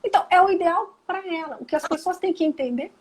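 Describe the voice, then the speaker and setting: A woman's voice: very high-pitched, fast, low-quality recording. A Brazilian woman psychologist talking casually on a live video call, acting out quoted lines as she explains. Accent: Brazilian Portuguese. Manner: animated, acts out quoted dialogue. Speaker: psychologist guest.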